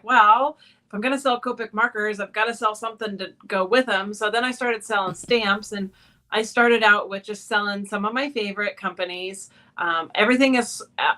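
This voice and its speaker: A friendly woman in her late forties, originally from Texas, answers interview questions as a guest. Her voice is bright and forward, and she laughs easily as she talks. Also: mid-range voice. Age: 40s.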